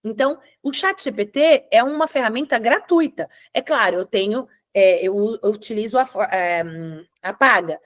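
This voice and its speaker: A woman's voice: a little high, normal speed, fairly bright tone. A woman hosting an online webinar, explaining step by step and checking in with her listeners. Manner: explanatory, with frequent "tá?" check-ins and restarts. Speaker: webinar host.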